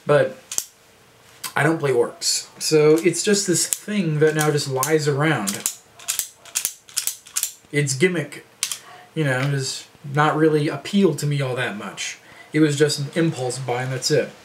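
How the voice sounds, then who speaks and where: A man's voice: on the high side, a little slow, long pauses. 30s guy vlogging, rambly, lots of um and you know, bit of noise behind. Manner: rambling, many fillers and restarts. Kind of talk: casual rambling monologue.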